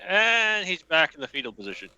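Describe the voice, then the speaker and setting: A man playing a tabletop game, haltingly describing his character's actions. His voice is very bright and crisp, but the dry mic sounds dull and lo-fi. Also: sits high, very animated, no echo. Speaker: player.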